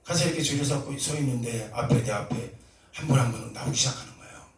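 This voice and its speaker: A male pastor preaching a sermon, telling a story and acting out prayers and dialogue, sometimes rising to loud, fervent cries. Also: mid-range voice, fast talker. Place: church sanctuary. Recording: echoey church hall, mic at a distance.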